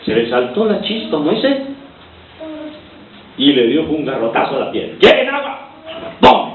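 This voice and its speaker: Animated male preacher on a tinny recording. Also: mid-range voice, normal speed, slight background noise. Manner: animated storytelling, acting out scenes. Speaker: pastor. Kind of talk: sermon. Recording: roomy, distant, tinny lo-fi recording.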